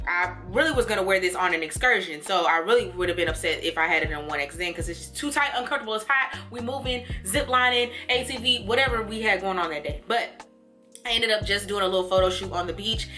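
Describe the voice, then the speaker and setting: A young woman chatting casually through a clothing try-on haul and storytime, animated and laughing as she talks. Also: medium pitch. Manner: chatty and animated, laughing and doing little quoted voices. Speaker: vlogger.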